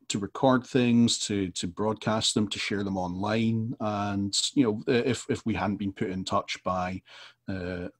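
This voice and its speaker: A man's voice: on the low side, slightly rough. A man who makes comics, talking hesitantly over a video call in an online panel. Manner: hesitant, full of restarts and fillers. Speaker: comics artist.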